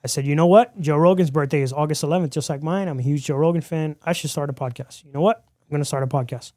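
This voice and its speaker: This fast-talking podcast guest from Miami, Florida, has a voice on the high side and tells his story animatedly, performing the dialogue he quotes during a casual interview. The studio sound is clean, with no echo.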